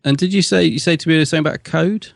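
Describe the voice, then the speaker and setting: A man's voice: fairly high pitch, racing, gravelly, dry recording, clean studio sound. A man chatting casually as a podcast co-host. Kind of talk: casual chat.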